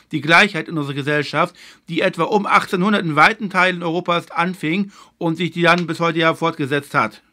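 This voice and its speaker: Man, lecturer, fairly high voice, bright tense tone, measured explanatory delivery, stresses key points. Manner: filler phrase "eben halt". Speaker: lecturer and host of a video series. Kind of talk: spoken history lecture.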